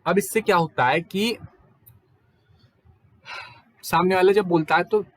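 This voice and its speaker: Young male tutor, slightly high voice, chatty exam-prep lecture, code-switches between Hindi and English, keeps asking rhetorical questions. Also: measured pace, dry recording. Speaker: teacher.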